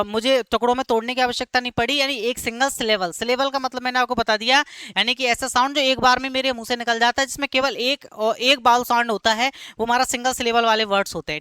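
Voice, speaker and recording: A man teaching a live grammar class, who keeps stopping to ask students quick check questions and repeats key words slowly. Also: very high-pitched, bright, forceful tone, smooth, no echo.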